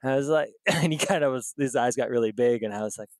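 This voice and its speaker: A man's voice: medium pitch, fast talker, no room sound. A man hosting a podcast in a rambling, casual chat full of fillers and laughs. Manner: rambling and chatty, many fillers, laughs often. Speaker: podcast host.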